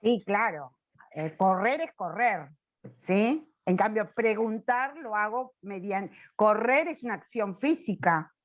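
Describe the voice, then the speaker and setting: A woman teacher giving an online class, slow and questioning, checking often that students follow. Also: medium pitch, lively intonation. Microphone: video call. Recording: dull lo-fi video call audio.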